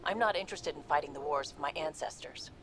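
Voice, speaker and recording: Frank alien crewmate over vehicle noise. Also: male voice, fairly high pitch, fast talker, a bit bright. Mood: frank, weary. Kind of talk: video game dialogue.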